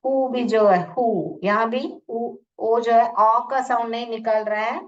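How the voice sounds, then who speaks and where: A woman with an Indian accent teaching English phonics in an online class, repeating sounds slowly and asking questions. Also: a little high, fairly even intonation. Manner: slow, repeats sounds and words, asks questions. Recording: muffled, distant from the mic.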